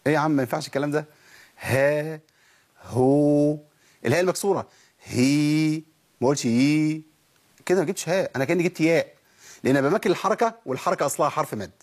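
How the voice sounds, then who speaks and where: A man with an Egyptian Arabic accent teaching Quran recitation rules in a lesson. He keeps asking questions and answering them himself, and he says sounds out loud to show how they work. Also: fairly high pitch, lively intonation, rapid-fire, breathy edge. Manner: asks rhetorical questions and answers them, demonstrating sounds aloud.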